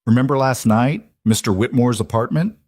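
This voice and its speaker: A man's voice: medium pitch, normal speed, darkish tone, no echo, clean studio sound, voice pushed up, natural voice. A man voicing a tired, frank single mom. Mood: gentle. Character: weary single mother, blunt and tender.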